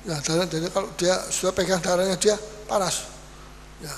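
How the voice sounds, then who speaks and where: A pastor preaching a sermon in a church, animated and lively, acting out little quoted exchanges. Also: male voice, sits high, brisk. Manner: animated preaching with acted-out quotes and Dutch sayings. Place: church hall. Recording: reverberant church hall, faint hum.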